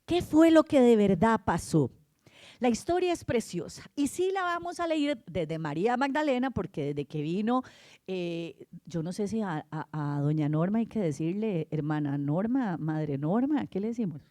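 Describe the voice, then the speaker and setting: A woman's voice: medium pitch, expressive, moderate pace, warm tone, no echo, studio quality. A woman preaching an Easter sermon to a congregation, telling the story with animation, acting out voices and often asking her listeners "right?". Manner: acts out voices of the people in the story.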